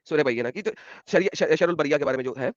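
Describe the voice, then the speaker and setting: A man in an online debate explaining points briskly with references. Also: on the high side, lively intonation, no room sound, highs cut off. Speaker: debate participant.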